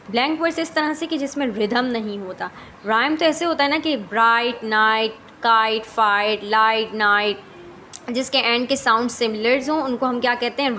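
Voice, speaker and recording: A woman teaching a literature lesson in a fairly high voice. She reads each English line out slowly and carefully, then breaks it down at speed, asking the class a question and answering it herself. A faint hiss of noise sits under her voice. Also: a bit bright. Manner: reads English lines slowly, then explains them quickly with repeated questions. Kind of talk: classroom lecture explaining literature.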